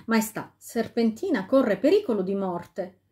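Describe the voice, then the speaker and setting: Una zingara indovina cupa, fatta da una donna. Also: female voice, fairly high pitch, sing-song, measured pace, mellow. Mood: grave.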